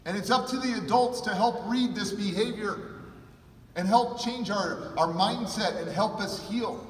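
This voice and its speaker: A middle-aged man from California, a conference keynote speaker telling his own story with emotion, dropping to a hush and then rising to loud emphasis. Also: high voice, unhurried, slight background noise. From California, USA. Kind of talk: personal storytelling talk. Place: large hall with an audience. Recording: echoey hall, mic at a distance.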